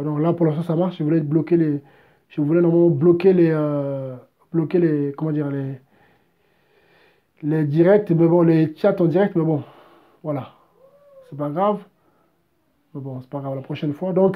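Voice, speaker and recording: Exhorting pastor, dull lo-fi sound. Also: male voice, fairly high pitch. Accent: French. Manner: exhorting, repetitive, rising to emphatic peaks. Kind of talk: live-streamed sermon.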